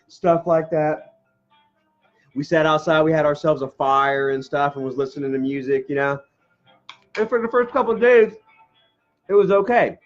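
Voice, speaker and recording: A man's voice: fairly high pitch, highs cut off. A man chatting casually on his live stream, rambling through memories, laughing often and swearing as he eats. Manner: eating ice cream while talking.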